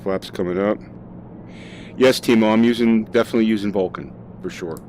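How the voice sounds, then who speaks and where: A man's voice: fairly low pitch, brisk, darkish tone, slight background noise. A man casually talking through a flight simulator session, thinking aloud with fillers as he flies. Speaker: flight sim streamer. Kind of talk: casual gameplay commentary.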